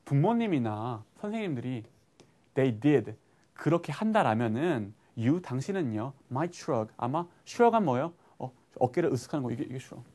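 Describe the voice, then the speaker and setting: A Korean man teaching an English lesson, asking himself questions and answering them, and reading English phrases slowly before translating them. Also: mid-range voice. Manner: lively explaining, asks and answers his own questions.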